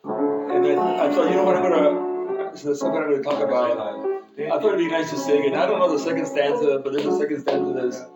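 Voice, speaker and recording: A man's voice: on the high side, sing-song, fast talker, reverberant, over loud music, low-quality recording. A man preaching an informal sermon in a church, telling a personal story in a rambling, self-correcting way with frequent chuckles. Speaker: pastor. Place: church sanctuary.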